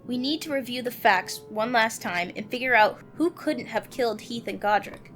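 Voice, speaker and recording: A woman with a fairly high, slightly bright voice reads a visual novel aloud at a normal speed. She shifts between narration and the characters' lines while music plays in the background.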